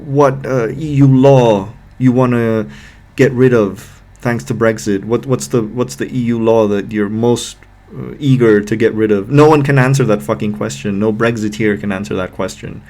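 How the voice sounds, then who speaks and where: A man commenting on a video clip, exasperated and sarcastic, swearing and slowing down to hammer his points. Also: medium pitch, fairly even intonation, darkish tone. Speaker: political commentator.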